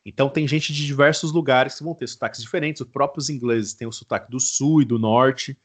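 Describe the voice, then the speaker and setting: A man with a Brazilian Portuguese accent talks as a guest in a casual podcast interview. His voice sits at a middling pitch, and he tells his story in a relaxed, slangy way. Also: a little fast, breathy edge. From Goiás, Brazil. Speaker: guest, mobile engineer.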